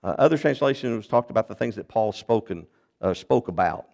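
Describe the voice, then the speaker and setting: A man preaching a sermon, retelling a Bible story in an animated storytelling manner with big swings in pitch and loudness. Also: brisk, vocal fry.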